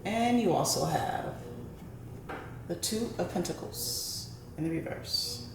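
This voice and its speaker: Woman, tarot reader and host, casual delivery, frequent "right?" tags, fry in the voice, echoey room with faint noise. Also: on the low side, animated, takes it slowly. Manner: often tags phrases with a questioning "right?". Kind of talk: casual tarot and horoscope reading to viewers. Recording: roomy echo, faint background noise.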